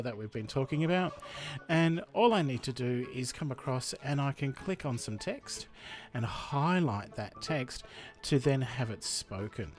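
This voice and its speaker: Chatty Australian-raised man explaining software. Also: medium pitch. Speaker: tutorial host. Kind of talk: screen-recording tutorial voice-over.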